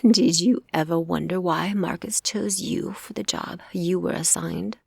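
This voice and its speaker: A woman voicing a sly, cruel old witch in an audiobook who speaks in a measured, mocking tone. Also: on the low side, fairly even intonation, vocal fry, darkish tone, breathy edge, no room sound, studio quality, exaggerated voice.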